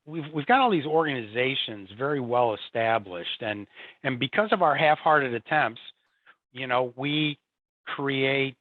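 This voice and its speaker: Over a tinny remote call with no room sound, a medium-pitched man, an executive in support and field services, chats as an interview guest. He tends to repeat words and frequently adds "you know" and "right?".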